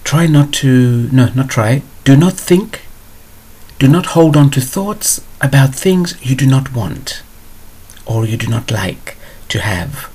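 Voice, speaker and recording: A man's voice: mid-range voice, expressive, slow pace, a little mellow, breathy edge. A man hosting a spiritual advice show, answering a viewer question in a blunt, digressive way.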